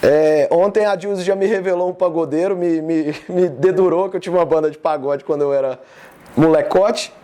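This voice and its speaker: Chatty high-voiced man from Goiás. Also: moderate pace, warm tone. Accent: Goiás Brazilian Portuguese. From Goiás, Brazil. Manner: casual, chatty, addresses the audience directly. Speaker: business speaker hosting a live session. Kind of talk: informal live talk to an audience.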